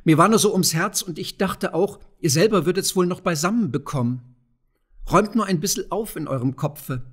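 A man voicing a bold, spirited young farmer's daughter who talks in a lively, pert way. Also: sits high, moderate pace, voice pushed up.

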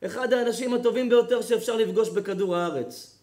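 A man who is a rabbi giving an impassioned public sermon, repeating his phrases for effect and swinging between loud and soft. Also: very high-pitched.

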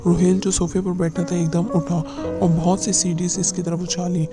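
Male audiobook narrator, dramatic novel reading, measured pace, slightly high, flat delivery, loud music bed.

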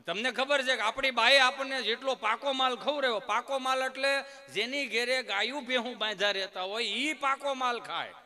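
A man, telling jokes in an animated way as a stand-up comedian on a temple stage. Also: very high voice. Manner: animated storytelling.

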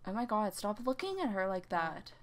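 A woman's voice: medium pitch, big pitch swings, normal speed. A young woman giving casual let's play commentary, chatty and teasing, laughing often. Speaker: gamer.

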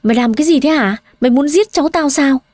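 A woman's voice: high voice, fast talker, a little mellow, dry recording, pitched above the performer's own voice, lightly acted. A woman voicing a spiteful, bullying older mother-in-law who scolds and wails theatrically. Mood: scolding.

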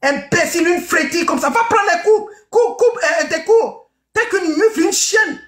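Shouting, scornful high-voiced woman. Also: expressive, normal speed, roomy sound. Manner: shouting, scornful, repeats insults, mocking laughs. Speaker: live-stream host. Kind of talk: heated live-stream insult rant.

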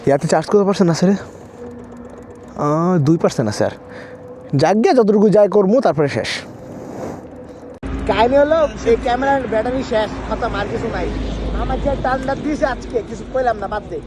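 Excitable young man on a night ride. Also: high-pitched, brisk, long pauses. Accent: Old Dhaka Bangla. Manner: excited, exclaiming, chatty with friends. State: cold and worn out. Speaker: motovlogger. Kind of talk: casual night-ride vlog chatter. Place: city road at night, on a motorbike. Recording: noisy outdoor street recording. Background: traffic and street noise.

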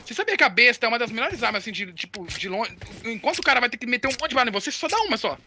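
A Brazilian man streaming a shooter game, chatting excitedly with teammates and often swearing and shouting. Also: extremely high pitch, very fast. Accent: Brazilian Portuguese. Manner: excitable, swears a lot, yells when frustrated. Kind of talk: casual gaming chat with teammates. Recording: noisy game audio behind the voice.

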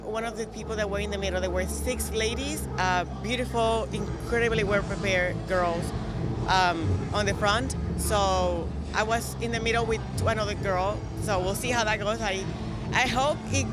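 In a very noisy, large indoor exhibition hall with music playing, a young Colombian woman who competes in bikini contests chats upbeat and energetic into a handheld interview mic. She speaks native Spanish with a Colombian accent, her mid-range voice moving at a moderate pace.

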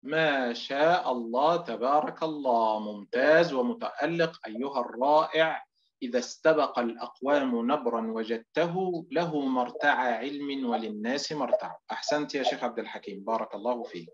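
A middle-aged male recitation teacher leads an online lesson and explains each point step by step. He drags example words out slowly to demonstrate them. The audio is dull and muffled, like a lo-fi call. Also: mid-range voice.

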